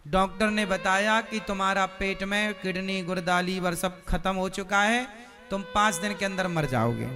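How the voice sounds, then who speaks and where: A man's voice: high voice, pushed and bright. A man giving a devotional sermon, telling a story and acting out its characters while asking the audience questions. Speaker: preacher.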